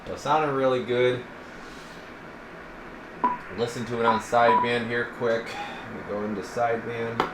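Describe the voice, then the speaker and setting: This radio repair technician speaks in a mid-range, level voice, unhurried and with long pauses, while heavy noise fills the background. He rambles casually through a hands-on demonstration at his indoor workbench, explaining things informally as he goes.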